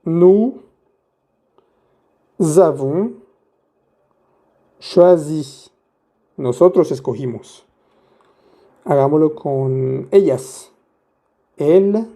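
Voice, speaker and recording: Slow, dark-voiced man teaching grammar. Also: on the high side, lively intonation. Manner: patient, asks rhetorical questions, playful asides. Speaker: French teacher. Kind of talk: step-by-step grammar lesson.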